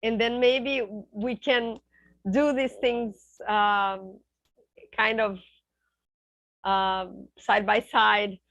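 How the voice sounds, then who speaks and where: A woman's voice: mid-range voice, steady tone, extremely slow, vocal fry, long pauses, a bit bright, no room sound. Woman on a dull video call. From Brazil. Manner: friendly, laughs often, thinks aloud. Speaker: guest. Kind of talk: informal video-call conversation.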